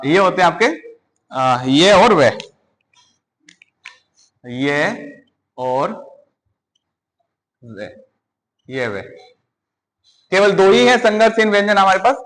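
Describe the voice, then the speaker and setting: High-voiced Hindi teacher drilling sounds. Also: male voice, sing-song, a bit bright, poor audio. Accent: Hindi, north Indian. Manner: asks the class questions and answers them himself, repeats sounds slowly. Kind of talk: classroom-style grammar lesson.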